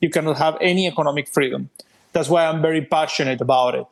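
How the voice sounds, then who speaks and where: A man's voice: a little high, fast talker, gravelly. A man with a Venezuelan accent, a native Spanish speaker, explaining his work as an interview guest. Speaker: interview guest, policy group president.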